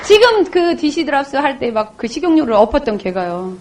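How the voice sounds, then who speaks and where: Animated high-voiced woman telling her story. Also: fairly quick, a loud crowd, heavy background noise. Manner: dramatic storytelling, acting out quoted voices. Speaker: motivational speaker. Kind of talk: emotional personal testimony talk.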